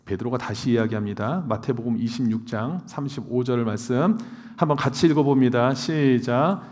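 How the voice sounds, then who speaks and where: A man's voice: medium pitch, moderate pace, darkish tone. A male pastor preaching a sermon, addressing the congregation with frequent rhetorical questions. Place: church sanctuary. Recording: long reverb of a church hall.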